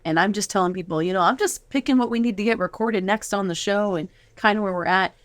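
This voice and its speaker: Hosting a casual, heartfelt studio interview with her own children as guests, this middle-aged woman is encouraging and affirming. She talks at a quick pace in a medium pitch, and the recording is dry.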